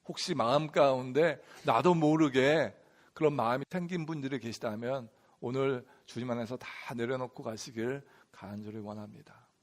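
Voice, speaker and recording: A man's voice: medium pitch, normal speed. A man pastor preaching a sermon in a church, telling humorous stories and addressing the congregation directly. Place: church sanctuary.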